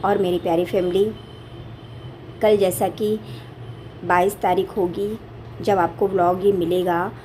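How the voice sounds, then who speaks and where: A woman vlogging casually from her home kitchen on a handheld phone, warmly calling her viewers family. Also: lowish voice, flat delivery, a little slow, long pauses, slight background noise. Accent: Hindi. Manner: affectionate, repeatedly addresses viewers as family. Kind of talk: casual daily vlog chat.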